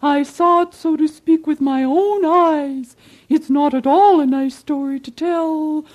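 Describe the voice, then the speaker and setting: A woman's voice: sits high, a little slow, a little mellow, voice pushed up. A woman voicing a flock of gossiping pigeons that coo their story in a storybook reading. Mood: eager. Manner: cooing, sing-song.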